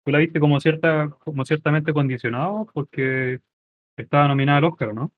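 A man's voice: on the high side, a little fast, no room sound. Man on a tinny, phone-like line. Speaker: podcast host. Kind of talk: casual film chat. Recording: tinny, dry phone-like sound.

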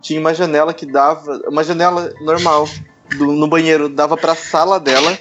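Playful man, slightly high voice. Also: little pitch movement, fairly quick, highs cut off, over music. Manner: playful, giggly, self-mocking. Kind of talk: casual comic storytelling.

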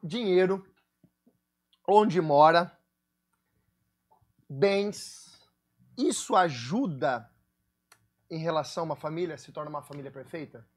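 A man's voice: fairly high pitch, takes it slowly, pauses often. A man interviewing a pastor, playful and teasing at first, then asking earnest questions. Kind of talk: casual church interview.

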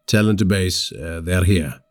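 A man doing a gruff, confident police inspector. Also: low voice, unhurried, faint music behind, voice pushed down. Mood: commanding. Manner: terse radio commands. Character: male police inspector in his thirties, confident and brisk.

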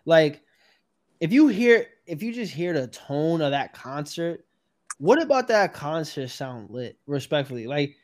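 A man co-hosting a podcast, talking emphatically in animated, slang-heavy bursts. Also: on the high side, a little slow. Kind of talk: casual chat.

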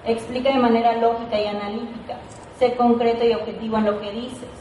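A woman's voice: a little high, little pitch movement, a little fast, warm tone, slight background noise. A woman giving an informal training talk to a sales team, chatty and playful, often checking in with "ok?". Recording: echoey room, mic at a distance.

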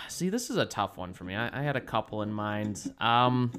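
A man's voice: fairly low pitch, sing-song, moderate pace, fairly bright tone, clear, resonant tone. A man co-hosting a casual podcast about games, rambling easygoing and laughing often. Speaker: podcast co-host. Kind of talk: casual chat.

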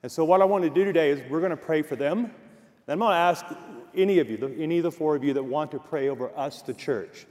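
A man's voice: on the high side, quick pace, a little mellow. A male pastor speaking earnestly to his congregation and leading them in prayer from the stage. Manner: affirming, earnest. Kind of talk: church panel host and prayer. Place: church sanctuary. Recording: long reverb of a church hall with audience.

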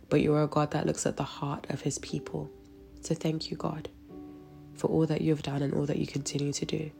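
A woman with a low, creaky, slightly mellow voice and a stuffy, cold-blocked nose gives a devotional talk that includes a spoken prayer. She speaks in a chatty, conversational way, full of fillers and restarts.

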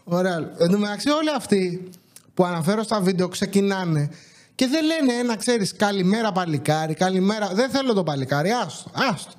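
A man hosting a podcast, telling exasperated comic stories from his supermarket job and acting out the dialogue. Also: sits high. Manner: animated, exasperated, acts out dialogue. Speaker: podcast host, supermarket worker. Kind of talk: comedic storytelling.

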